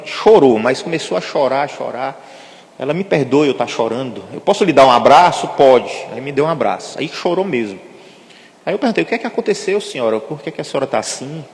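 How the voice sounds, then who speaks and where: A man lecturing to an audience, telling a story in an animated way and often checking in with his listeners. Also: fairly high pitch. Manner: animated storyteller, frequent tag questions. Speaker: spiritist lecturer. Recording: reverberant hall.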